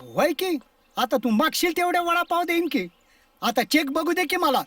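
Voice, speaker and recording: A poor old grandfather, high-voiced. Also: lively intonation, normal speed, a bit bright, no echo. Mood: fond. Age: older. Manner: pleading, then teasing and fond. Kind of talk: film acting. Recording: distant mic with background music.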